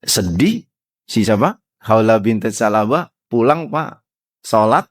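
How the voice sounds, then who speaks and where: A man giving a mosque sermon as an ustadz. He tells the story in a lively way and keeps quizzing the audience. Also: fairly low pitch, measured pace, dry recording, studio quality. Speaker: ustadz, Islamic preacher. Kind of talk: morning mosque study sermon.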